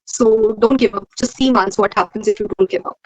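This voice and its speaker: A young adult woman with an Indian accent, an exam ranker in medical postgraduate studies, answers interview questions earnestly and conversationally, repeating phrases for emphasis. Her medium-pitched voice is a little mellow and a little fast, and the audio is poor.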